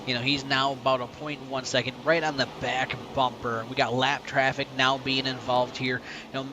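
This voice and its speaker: A man calling a sim race as play-by-play commentator, talkative and building excitement toward the finish. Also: mid-range voice, normal speed, background noise.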